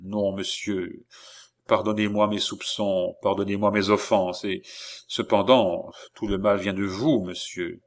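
A man's voice: on the low side, steady tone, unhurried. A man playing a grieving, hot-tempered young nobleman, speaking with agitated sorrow. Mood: bitter.

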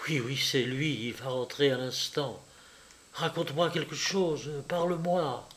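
A man reading an audiobook, voicing a passionate, nervous young woman who switches between hushed urgent whispers and bright raised chatter. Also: on the high side, normal speed, natural voice.

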